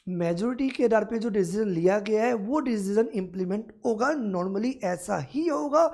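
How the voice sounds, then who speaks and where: Animated woman tutor with gravelly voice. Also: fairly high pitch. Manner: animated, acts out scenarios in first person and asks the class questions; reads legal text out slowly and deliberately. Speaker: law tutor. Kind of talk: exam-prep law lecture.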